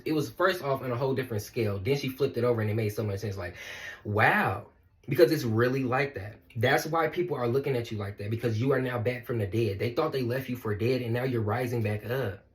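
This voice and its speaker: A man speaking as a spiritual life coach in a casual motivational monologue, animated and slangy, swearing and laughing often. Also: mid-range voice.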